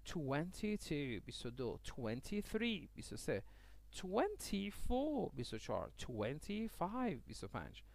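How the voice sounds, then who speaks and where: A man teaching a language lesson who reads word lists, saying each English word slowly and deliberately, then giving its meaning and quick explanations. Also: a little high, wildly swooping pitch, creaky.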